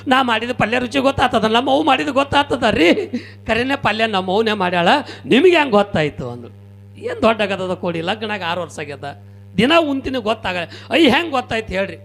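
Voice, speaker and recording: A male stage comedian from Kalaburagi with a North Karnataka Kannada accent, telling lively, punchy stories straight to the audience. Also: high-pitched, fairly quick, vocal fry. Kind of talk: live comic storytelling. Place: stage at a religious gathering.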